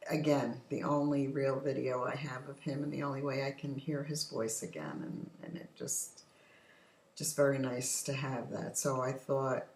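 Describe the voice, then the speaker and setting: A woman's voice: very deep voice, gravelly, a little mellow, reverberant, rough recording. An older woman hosting a casual home chat, telling stories in a talkative way. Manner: chatty storytelling, often laughing. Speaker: host. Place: home patio. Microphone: computer's built-in microphone.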